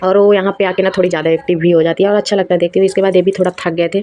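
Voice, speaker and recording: A woman's voice: fairly low pitch, level tone, very fast, dark tone, slight background noise. A young woman, a mother, narrating a family outing in a chatty, amused vlog voice-over that keeps addressing viewers as guys. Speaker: vlogger.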